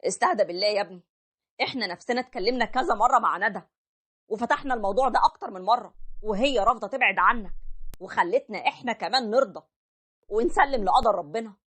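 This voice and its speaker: A woman voicing a calm, reasoning older father with an Egyptian accent. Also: fairly high pitch, fast talker, breathy edge. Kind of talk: animated story voice acting.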